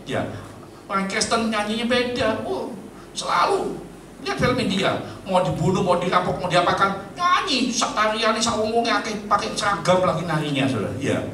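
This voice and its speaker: A man preaching a humorous church sermon, joking and swinging between loud and low. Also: big pitch swings, normal speed. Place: church hall. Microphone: handheld mic with battery trouble. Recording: echoey hall, mic far off, noisy.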